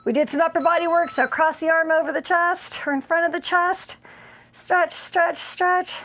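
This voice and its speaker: A middle-aged woman leading a workout as an encouraging, energetic instructor, calling out short motivational cues while exercising. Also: extremely high pitch, moderate pace, slight background noise. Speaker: fitness instructor, host. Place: inside a motorhome living area. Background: music.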